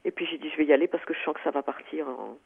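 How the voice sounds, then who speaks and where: Over a tinny phone line, a woman calls in to share a personal story. Her low voice is very fast, with vocal fry and a breathy edge, and she speaks hesitantly with many fillers and restarts.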